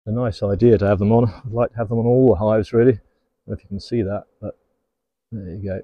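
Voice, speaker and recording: Tending his hives in a garden apiary, a middle-aged English beekeeper keeps up a relaxed running commentary and chats affectionately to his bees. He speaks quickly in a lowish, steady voice. The recording has no room sound and the high frequencies are cut off.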